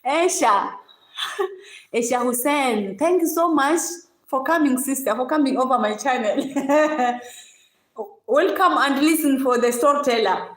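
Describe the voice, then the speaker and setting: Halting woman in an echoey room. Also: high voice. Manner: halting, repeats words, laughs often. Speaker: vlogger. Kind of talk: casual storytelling livestream.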